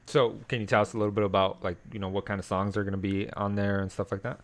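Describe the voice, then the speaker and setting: A man with a fairly low voice hosts a casual podcast interview. He talks loosely, swears freely and gets worked up easily. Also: level tone, fast, crowd noise. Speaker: podcast host.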